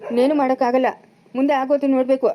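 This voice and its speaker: A woman's voice: sits high, little pitch movement, rapid-fire, lo-fi sound, lightly acted. A woman playing a bossy village brother-in-law. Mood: scolding. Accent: rural Chikkaballapura Kannada. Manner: scolding, commanding. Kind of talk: amateur village family drama.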